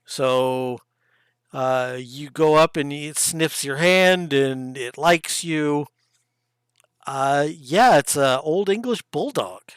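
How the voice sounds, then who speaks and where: A man's voice: fairly high pitch, takes it slowly, clear, resonant tone, no echo, studio quality. A man running a tabletop game as game master, laid-back and swearing casually.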